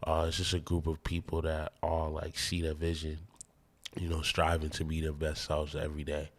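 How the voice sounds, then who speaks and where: Very deep, flat-voiced man from the Midwest. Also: moderate pace. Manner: loose, rambling, laid-back. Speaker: musician guest. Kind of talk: casual podcast chat.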